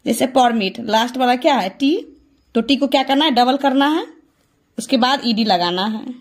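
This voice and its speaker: A woman teaching English grammar, repeating each rule as a question and answering it herself. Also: sits high. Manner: repeats key points as questions to students; slow and deliberate, drawing out rule statements. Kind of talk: classroom lesson explaining verb forms.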